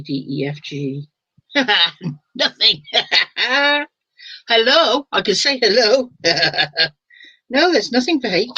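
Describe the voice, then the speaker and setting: A woman's voice: a little high, sharp tone, breathy edge, no echo, dull audio. An older woman hosting a casual live stream from home, chatting with viewers, reading their comments aloud and laughing often. She sounds sleepy and yawns now and then. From England. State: sleepy, yawning.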